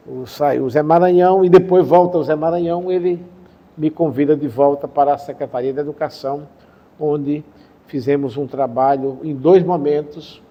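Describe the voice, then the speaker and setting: An older man from the Sertão of Paraíba in Brazil, calmly recalling his career in an interview, pausing to correct names and dates. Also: a little high, highs cut off. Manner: unhurried, recounts dates and names, self-correcting. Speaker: interviewee, retired professor and former education official. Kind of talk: reminiscing interview answer.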